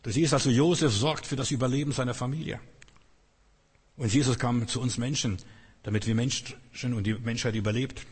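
A man's voice: mid-range voice, steady tone, fairly quick, husky. A man preaching a sermon, earnest and emphatic, repeating his key phrases. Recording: long hall reverb.

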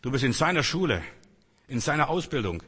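Husky older preacher in a hall. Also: male voice, medium pitch, sing-song, fairly quick, pushed and bright. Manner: earnest, emphatic exhortation with rising outbursts. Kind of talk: sermon. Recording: long reverb in a hall.

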